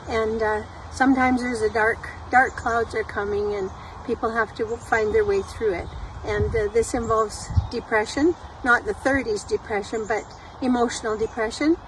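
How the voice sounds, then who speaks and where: A woman author speaking thoughtfully outdoors, pausing with fillers. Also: a little high. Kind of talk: earnest interview talk. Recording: distant mic with outdoor noise.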